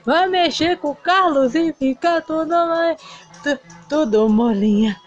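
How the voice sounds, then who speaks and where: A woman plays a heartbroken male doll bandleader, melodramatic and sing-song in a toy play-acting video. The voice sits high and drawls slowly. It comes through a dull lo-fi recording with band music faintly behind. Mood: showy singing.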